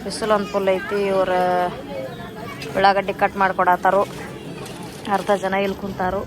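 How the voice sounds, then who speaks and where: A woman's voice: medium pitch, completely flat delivery, moderate pace. A woman with a North Karnataka Kannada accent, chatting to her viewers in a casual vlog and pointing things out as she goes. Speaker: vlogger. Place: crowded outdoor village fair. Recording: busy outdoor crowd noise behind.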